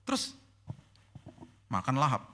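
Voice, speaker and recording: Male preacher, animated storyteller, conversational sermon, bright tone. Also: slow pace. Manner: animated, conversational, mixes in English phrases. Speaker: pastor.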